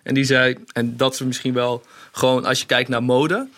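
A man's voice: mid-range voice, fairly even intonation, moderate pace, a bit bright. A man on a casual podcast who explains his views at length, with many fillers. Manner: reasoned, explains with many fillers like "zeg maar". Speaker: podcast co-host.

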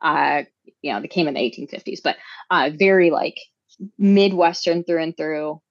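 A woman from Minnesota, a podcast guest, talking in a chatty, halting way with many restarts and fillers. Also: sits low, no room sound, lo-fi sound. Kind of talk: casual chat.

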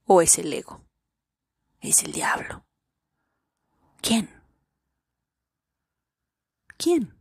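A woman with a low, breathy voice delivers a reflective spiritual monologue. She speaks slowly and deliberately and keeps pressing her listeners with rhetorical questions, sometimes sinking to a whisper. The sound is dry and close. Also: no room sound. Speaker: podcast host.

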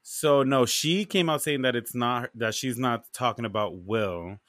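A man co-hosting a podcast, chatting in a slangy, expressive, casual way. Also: medium pitch, measured pace, dry recording, clean studio sound. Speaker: podcast co-host. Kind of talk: casual chat.

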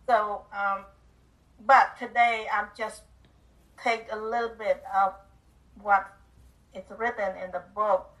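Older Cambodian-born woman, bright voice. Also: mid-range voice, steady tone, slow, long pauses, distant mic, rough recording. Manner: earnest, simple phrasing with small grammar slips. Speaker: guest, author and speaker. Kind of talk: telling her life story in an interview.

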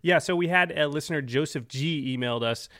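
A man's voice: fairly high pitch, a little fast, fairly bright tone, dry recording. Male podcast co-host, dry close recording. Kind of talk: casual conversational explaining.

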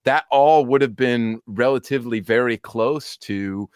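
A man in his thirties co-hosting a casual music chat, telling stories excitably and acting out the dialogue. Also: mid-range voice, a little slow, clear, resonant tone, no room sound, studio quality. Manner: excitable, acts out dialogue in quotes. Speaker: podcast co-host. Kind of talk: casual chat, animated storytelling.

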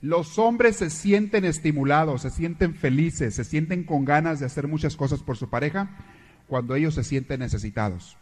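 Joking priest preaching. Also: male voice, fairly high pitch, expressive, moderate pace, darkish tone. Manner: storytelling, joking. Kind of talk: sermon.

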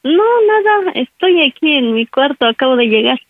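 A woman's voice: high-pitched, animated, moderate pace, dry recording. A middle-aged woman with a Mexican accent talking casually on a phone call. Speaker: aunt receiving a phone call. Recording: dull phone line, faint music.

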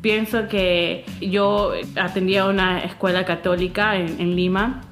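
A Peruvian woman in her thirties chats casually as an interview guest, speaking candidly with lots of fillers and restarts. Her medium-pitched voice is steady, unhurried, and fairly bright, heard in an echoey room with soft music in the background.

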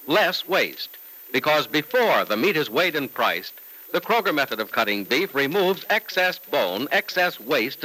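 An American man announcing in 1940s radio style, giving an emphatic, polished sponsor pitch. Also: sharp tone, rough recording. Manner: emphatic, polished salesman delivery.

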